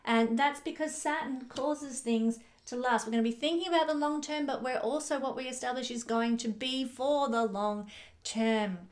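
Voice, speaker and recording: A woman astrologer talks through a forecast in a loose, chatty way. Her voice sits a little high, and she laughs often and stops to correct herself. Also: steady tone, normal speed.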